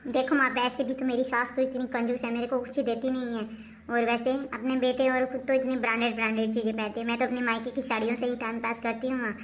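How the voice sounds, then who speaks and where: A woman's voice: on the high side, level tone, fast, a little hiss or hum, close to an everyday voice. A woman playing a spoiled, demanding sister-in-law. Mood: whiny. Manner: whiny, demanding, complaining. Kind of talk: home-made comic family skit.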